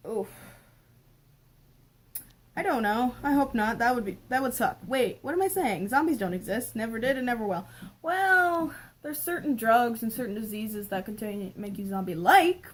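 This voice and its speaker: A young woman reading her old diary aloud in an embarrassed, self-conscious way, with informal, sweary asides, recorded on a phone. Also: fairly high pitch. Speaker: vlogger. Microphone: phone camera.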